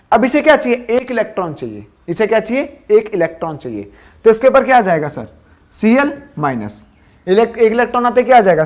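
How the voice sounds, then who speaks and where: A man teaching science to a class asks quick quiz questions and answers them himself. His answers come in a lower voice, and he keeps repeating key terms drill-style.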